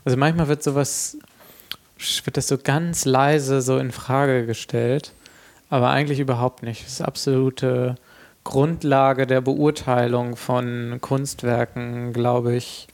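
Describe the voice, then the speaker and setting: A man talks reflectively with a creaky, gravelly edge. His pitch moves little as he hesitantly works through his thoughts in conversation. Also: little pitch movement, measured pace, darkish tone. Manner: hesitant, thinking aloud. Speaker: artist discussing a project.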